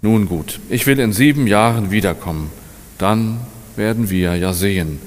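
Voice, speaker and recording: A man voicing Life as a calm, stern wandering spirit in a read-aloud fairy tale, in a measured, solemn manner. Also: fairly low pitch, close to an everyday voice. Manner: measured, solemn storybook reading. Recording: long hall reverb.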